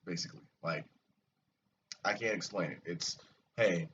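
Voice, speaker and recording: Brief: a male soldier, casual and profane storyteller, average pitch, dull distant recording. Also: brisk. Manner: rambling, profane and animated. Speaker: soldier vlogger. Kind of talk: casual chat. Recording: distant, muffled mic with light hiss.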